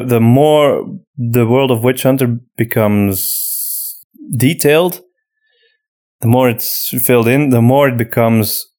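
A man with a medium-pitched, slightly mellow voice hosts a podcast and makes audio dramas. In loose, unscripted chat he hesitates and thinks aloud while answering, frequently dropping in "you know".

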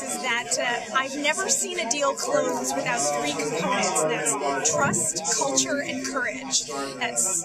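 A woman executive giving informal advice in a testimonial to camera. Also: high-pitched. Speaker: investment company principal. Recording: loud crowd noise around voice. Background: loud crowd chatter.

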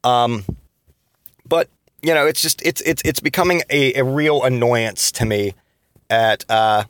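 A man's voice: mid-range voice, a little slow, a bit bright, clean tone, no echo, studio quality. A man in his thirties hosting a solo podcast, venting in frustration with frequent restarts and swearing. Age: 30s. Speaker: podcast host.

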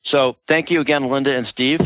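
A man's voice: medium pitch, steady tone, brisk, dry recording, soft background music. A man hosting a podcast discussion, talking conversationally and rephrasing as he goes. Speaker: podcast host. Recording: muffled phone-like line, dry.

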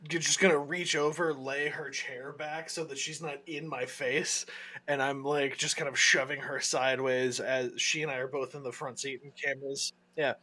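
A man at a tabletop game talks through what his character does. He hesitates and restarts a lot, then rushes ahead once he knows his move. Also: medium pitch, fairly even intonation, sharp tone. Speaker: player. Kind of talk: casual tabletop play.

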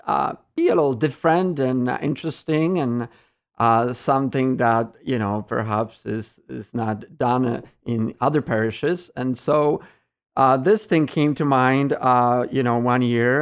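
A man, a parish priest being interviewed, speaking haltingly with many fillers in a good-humored way. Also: mid-range voice, smooth. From Poland. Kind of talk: interview guest.

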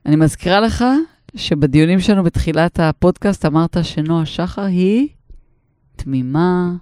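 An emphatic woman co-hosts a chatty podcast, pressing her side of the argument. Her voice is smooth and clean, recorded dry and close. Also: on the low side, warm tone, no echo. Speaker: podcast co-host. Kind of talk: casual podcast debate.

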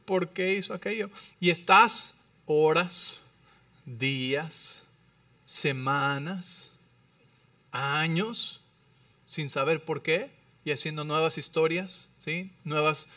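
Man, pastor, animated sermon, bright tense tone, slightly raised pitch, heard from a distance in a church. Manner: animated preaching, rising loud and dropping low, frequent "¿sí?" check-ins.

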